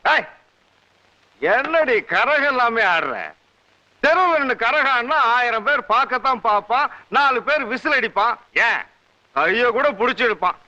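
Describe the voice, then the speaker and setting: A sneering, bullying butcher makes threats in a high, bright, swooping voice over soft film music. He sounds crude and menacing. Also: animated, moderate pace, muffled recording, full character voice. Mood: threatening. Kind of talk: 1980s-90s Tamil film drama dialogue.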